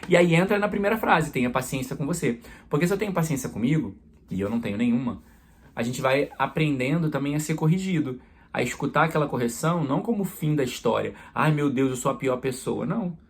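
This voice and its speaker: Um padre pregando uma homilia em tom de conversa, com exemplos do dia a dia. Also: male voice, fairly high pitch, lively intonation, fast talker, husky. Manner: conversational preaching with everyday examples. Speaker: priest.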